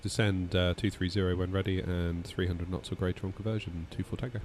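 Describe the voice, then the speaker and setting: A man talking into a cockpit headset mic as a simulator pilot, reading back radio calls in clipped, calm aviation phrasing. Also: low-pitched, brisk, a little hiss or hum. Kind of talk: pilot radio calls and casual streaming chat.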